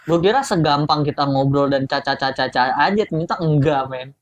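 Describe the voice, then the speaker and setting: A man's voice: fairly high pitch, no room sound. Chatty young man. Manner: chatty, laughs often, quick asides. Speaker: podcast co-host. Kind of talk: casual podcast chat. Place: small room at home.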